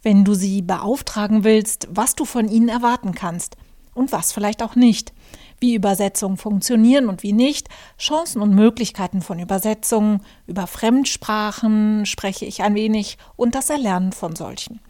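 A German woman, a journalist and author, hosts her own podcast and muses aloud in a reflective monologue full of fillers and restarts. Her voice is mid-range and warm, moving at a moderate pace.

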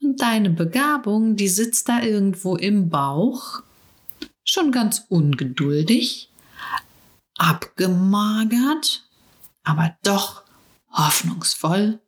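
A middle-aged woman speaks as a coach in a slow, unhurried reflective monologue. Her voice sits somewhat low, and she talks softly and intimately, addressing the listener directly. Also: animated.

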